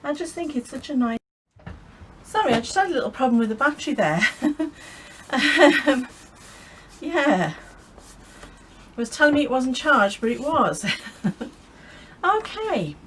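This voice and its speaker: A woman's voice: high-pitched, sing-song, slow pace, long pauses, a bit bright, rough recording. Casual woman, craft vlogger, rambling and friendly, light background hiss. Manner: chatty, rambling, laughs often.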